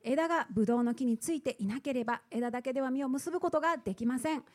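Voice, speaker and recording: Higher-voiced woman interpreting a sermon. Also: quick pace. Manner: steady, uses filler "eto" before phrases.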